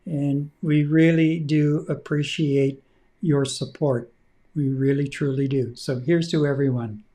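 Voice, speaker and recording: A middle-aged man co-hosting a casual talk show, relaxed and rambling with plenty of fillers. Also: on the high side, measured pace. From Canada. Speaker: podcast co-host. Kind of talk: casual chat.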